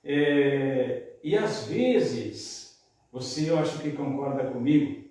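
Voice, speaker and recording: A man's voice: medium pitch, expressive, slow pace, darkish tone. Man telling folksy stories, echoey room. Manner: folksy, rambling anecdotes. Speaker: podcast guest, radio announcer and singer. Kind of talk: casual conversational storytelling. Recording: echoey room, mic at a distance.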